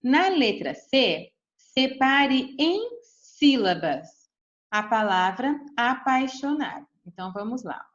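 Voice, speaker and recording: A woman teacher walks children patiently through a lesson, checking in often. Her voice sits a bit high and swings with lively pitch. The recording is dull and lo-fi. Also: slow pace. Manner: patient, explains step by step to children; checks in with "tá bom?" and "ó".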